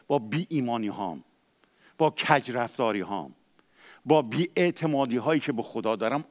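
A male pastor delivering a sermon in an ordinary mid-range voice. He preaches with passion, drops to near-hushed tones, then builds to loud, emphatic peaks. He acts out quoted speech with dramatic flair. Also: medium pitch.

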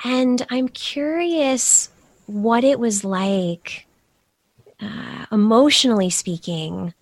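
A woman hosting a podcast, asking slow, gentle guiding questions. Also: fairly high pitch, dry recording, studio quality. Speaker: podcast host. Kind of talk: guided meditation and interview.

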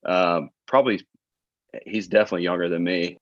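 A low-voiced man in his late twenties with a Southern Alabama accent, telling stories at an easy pace with plenty of ums and uhs. The sound is dry and a little dull, like a dead podcast room. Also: a little fast, no room sound. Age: late 20s. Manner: relaxed storytelling with filler words and laughs. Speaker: guest, tour manager. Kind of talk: casual interview chat.

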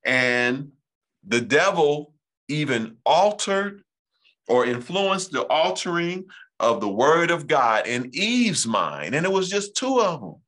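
A male pastor, teaching the Bible emphatically and reading scripture aloud slowly. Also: fairly high pitch, very animated, a bit bright.

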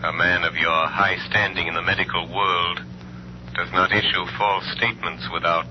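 Casting: male actor as commanding mystery vigilante, deep, insinuating, formal, 1930s radio acting, dull old recording. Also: little pitch movement, normal speed, natural voice. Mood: cool, probing. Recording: muffled old radio recording, humming noise.

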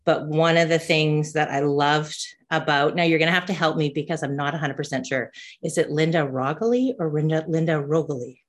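A woman's voice: low-pitched, flat delivery, fairly quick. A woman who coaches and hosts a podcast, talking casually with many fillers and restarts. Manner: rambling with frequent fillers and restarts. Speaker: ADHD coach and podcast host. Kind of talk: casual conversational chat.

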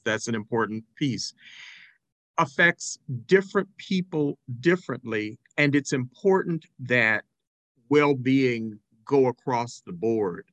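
A man answering as a podcast guest over a remote call, speaking in a measured, deliberate way and often quoting what others have said. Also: mid-range voice, fairly bright tone, no echo.

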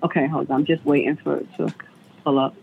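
A woman's voice: low-pitched, flat delivery, fast talker, gravelly, slightly rough. A middle-aged woman heard through a phone line, partly on speakerphone, talking hesitantly as a customer who is unsure with computers. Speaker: customer on a support call. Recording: tinny phone line with faint noise.

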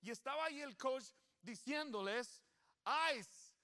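High, bright-voiced pastor preaching. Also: male voice, moderate pace. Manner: animated, joking, coaxing the crowd. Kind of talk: lively sermon with congregation call-and-response. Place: church service before a congregation.

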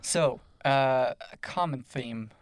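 An easygoing young man hosts a sports podcast in a relaxed, chatty way. His voice sits at a middle pitch, close to the mic and dry. Ums and uhs fill his pauses. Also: clean tone, no echo, poor audio. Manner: easygoing, hesitant with fillers. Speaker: podcast host. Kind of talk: casual sports podcast chat.

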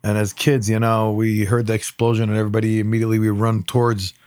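A man's voice: fairly low pitch, monotone, quick pace, a little mellow, dry recording. Middle-aged man telling stories, dry close sound. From Israel. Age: around 50. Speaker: podcast co-host and emergency responder. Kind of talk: casual personal storytelling.

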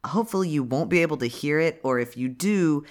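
A man's voice: on the high side, animated, brisk. A man hosting a casual, jokey, sweary podcast, recorded indoors in an uncarpeted log cabin. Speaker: podcast host. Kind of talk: casual, joking podcast chat. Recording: slightly echoey wooden cabin room.

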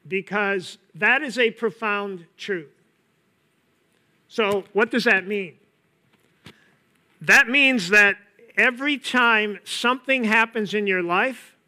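A man preaching a sermon in an earnest way, often asking the listeners questions and pausing to let a point land. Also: high-pitched, bright, forceful tone. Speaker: pastor.

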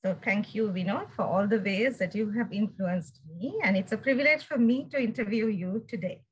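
A woman's voice: mid-range voice, moderate pace, low-quality recording. A woman interviewer reading a prepared introduction of a guest for a podcast.

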